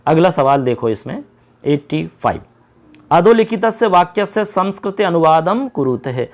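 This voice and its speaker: A man teaching an exam-prep lesson, patiently repeating key points and reading questions out slowly. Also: fairly high pitch, very animated.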